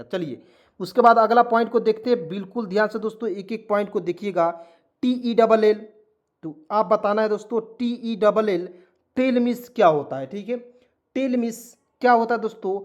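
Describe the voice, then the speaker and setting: A man teaching an online vocabulary lesson. He spells each word out slowly letter by letter and repeats its meaning. He keeps turning to the viewers as his friends and checks whether they are following. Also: high voice. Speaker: English teacher.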